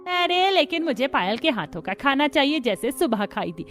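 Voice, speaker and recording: A woman voicing a stern, food-loving older mother-in-law in an animated family drama, talking in a bossy, demanding way. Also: high-pitched, moderate pace, soft background music.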